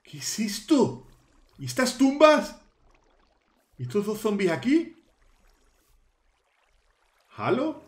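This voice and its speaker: High, bouncy voiced guy playing minecraft, big fake scared yelps, echoey room. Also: wildly swooping pitch, slow pace, pauses often. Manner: dramatic, shrieks in mock fear, talks to viewers. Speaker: Minecraft youtuber. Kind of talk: Halloween let's play, playacted fright.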